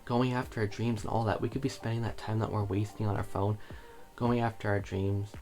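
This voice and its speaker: A man's voice: fairly low pitch, level tone, darkish tone, soft background music. Earnest man giving motivational advice. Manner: earnest, reflective, a bit halting. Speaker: vlogger. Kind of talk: motivational talk to camera.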